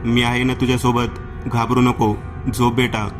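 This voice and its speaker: Man doing worried village mother, fussing, pleading, monotone, horror storybook reading. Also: medium pitch, normal speed, over music, close to an everyday voice. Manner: pleading, fussing over her child. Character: anxious, caring village mother of a teenage daughter.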